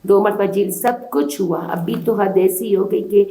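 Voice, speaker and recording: A woman from Balochistan, Pakistan, pours out an urgent, pleading account to an interviewer. Her voice sits in the middle of her range and has a mellow, darker tone. The recording carries a noticeable roomy echo. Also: mid-range voice. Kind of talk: emotional testimony to a reporter.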